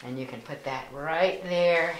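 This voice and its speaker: Low-voiced lady explaining card making slowly, echoey room, bit of background hiss. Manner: patient, plain instructions with fillers. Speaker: volunteer instructor. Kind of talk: step-by-step craft demonstration. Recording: echoey room with faint noise.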